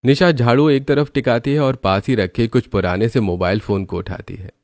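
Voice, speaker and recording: A man narrating a cartoon story in a steady storytelling manner. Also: medium pitch, normal speed, no echo, clean studio sound. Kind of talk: scripted narration.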